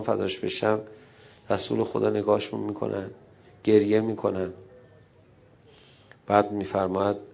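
Middle-aged guy preaching, gravelly voice, goes quiet then loud, bit muffled audio. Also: on the low side. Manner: emotive, swings between hushed and loud, acts out quoted dialogue. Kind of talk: religious sermon.

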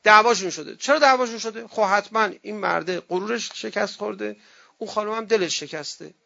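A man's voice: high voice, creaky, dull audio. A man, a cleric, giving a conversational sermon on marriage, telling anecdotes and acting out the voices of the people in them. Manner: lively storyteller who acts out quoted voices.

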